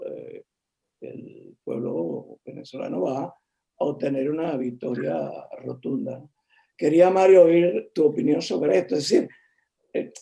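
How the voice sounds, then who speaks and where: A man in a political video-call discussion, speaking haltingly with many restarts and fillers. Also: on the high side, creaky, dark tone. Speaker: discussion participant.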